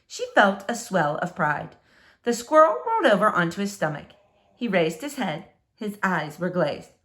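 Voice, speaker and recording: Woman reading a storybook with very animated pitch. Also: moderate pace. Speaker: storybook reader. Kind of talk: expressive children's book read-aloud.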